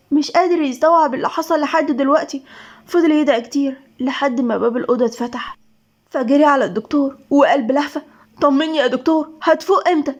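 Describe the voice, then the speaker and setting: A woman's voice: sits high, dull audio. A woman with an Egyptian accent narrating a dramatic romance story with emotive reading. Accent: Egyptian Arabic.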